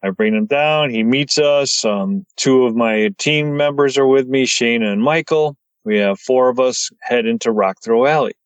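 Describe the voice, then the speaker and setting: A man telling his story as a podcast guest, excited and stumbling over his words as he gets wound up. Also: mid-range voice, moderate pace, few pauses, clear, resonant tone, no echo, poor audio.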